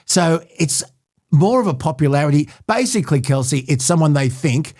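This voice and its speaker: A man's voice: a little high, lively intonation, normal speed, a little mellow, dry recording. An Australian man hosting a podcast, chatting wryly about politics in short bursts. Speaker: podcast host. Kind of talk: casual political chat.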